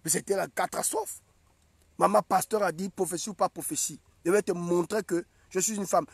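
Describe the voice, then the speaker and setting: A young man preaching an animated sermon as a prophet, emphatic and repetitive. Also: high voice, moderate pace, creaky, slightly rough, no echo. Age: young adult. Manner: emphatic and repetitive, acts out scenes.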